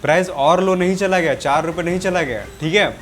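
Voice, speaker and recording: A man's voice: high voice, brisk, a bit bright, a little hiss or hum. A man with a sore throat teaching market trends over a chart, often checking in with "okay" and addressing his viewers as friends. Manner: repetitive, keeps saying "okay" and "friends". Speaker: trading teacher. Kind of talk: explaining a chart on screen.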